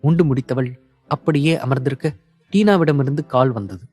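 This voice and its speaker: Brief: male audiobook narrator, calm, measured, mid-pitched. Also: slightly rough, dry recording. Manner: even, measured storytelling.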